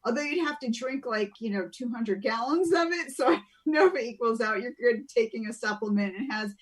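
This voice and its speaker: Female wellness guest, high, chatty, friendly explainer. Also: animated, a little fast. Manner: chatty, explanatory, laughs easily. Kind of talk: casual chat over a video call. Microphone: video call.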